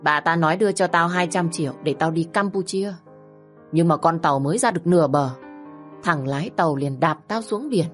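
A woman's voice: lowish voice, a little fast, soft background music, close to an everyday voice. A woman voicing a mocking middle-aged male kidnapper who taunts and threatens bluntly, as a storybook figure. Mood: sneering.

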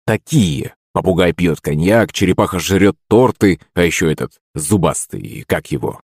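A man plays a grumpy, stubborn old count from an audiobook, muttering low and quiet with a husky edge. He grumbles and mocks, a dry, close voice. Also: lively intonation, normal speed, dry recording, heavily acted. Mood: grumbling. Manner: grumbling, sarcastic.

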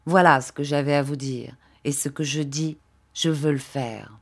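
A woman reading an audiobook, voicing a spiteful young woman full of hatred, who speaks slowly and cuttingly. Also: sits low, steady tone, husky, pitched below the performer's own voice. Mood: contemptuous. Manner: slow, hard, cutting delivery.

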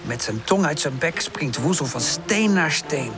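A woman narrating a children's audiobook in an expressive storytelling manner. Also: deep voice, unhurried, over music.

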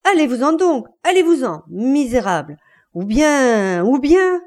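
A woman voicing a furious betrayed husband who stammers and shouts. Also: high-pitched, very animated, measured pace, pitched above the performer's own voice. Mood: enraged.

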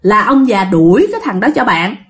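A woman's voice: medium pitch, very animated, a little fast. A woman telling a ghost story in a chatty way, talking straight to her listeners. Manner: chatty, addresses listeners directly. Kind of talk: casual ghost story narration.

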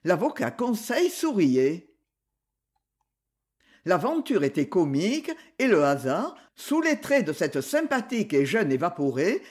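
Slow, expressive audiobook narrator. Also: mid-range voice. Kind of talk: scripted narration of a detective novel.

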